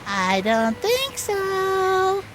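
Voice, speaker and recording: A man voicing an evil ventriloquist dummy in a cartoon video game, with squeaky, theatrical, gleefully menacing emcee patter. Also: wildly swooping pitch, extremely slow, background noise, exaggerated voice. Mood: sinister glee.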